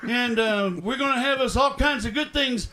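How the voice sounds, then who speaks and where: A loud, blustery old grandpa with a folksy drawl, pitched high and hollering out big announcements, as a radio host puts him on. He comes across as a cranky old pizza shop owner who barks at everyone around him. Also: moderate pace.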